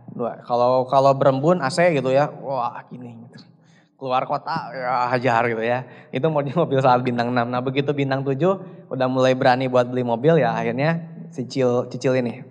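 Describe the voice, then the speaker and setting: A man of twenty-one giving a chatty motivational seminar talk, putting questions to the audience and acting out quoted dialogue. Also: medium pitch. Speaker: business seminar speaker. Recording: long hall reverb.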